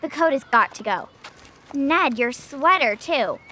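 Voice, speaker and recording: A woman's voice: sits high, animated, measured pace, bright, forceful tone, full character voice. A woman voicing a confident young animal kid who grandly shows off a camera and bosses his friends around, in a radio drama. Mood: bossy eager. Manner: showy, commanding, directs others. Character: bossy, confident young boy animal photographer.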